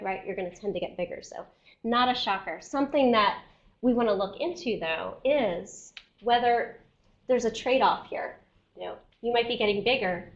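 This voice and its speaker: In a low-quality recording, a woman scientist with a mid-range voice gives an academic seminar lecture. She explains things step by step and often checks in with her listeners, though she is losing her voice and keeps clearing her throat.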